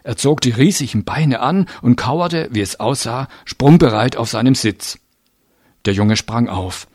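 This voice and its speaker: A man's voice: mid-range voice, measured pace, darkish tone, no echo, clean studio sound. A man reading a story aloud in first-person narration, telling it expressively.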